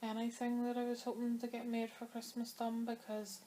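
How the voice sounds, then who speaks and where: Her voice is fairly high and dark, monotone and moderately paced, as she vlogs casually about knitting. She rambles with plenty of fillers while her throat goes dry from a starting cold, and a little hiss or hum sits under the audio.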